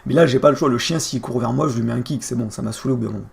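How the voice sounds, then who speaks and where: Fast-talking gravelly young man ranting. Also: mid-range voice. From France. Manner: vulgar, heated storytelling with street slang. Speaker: streamer. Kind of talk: casual live-stream rant.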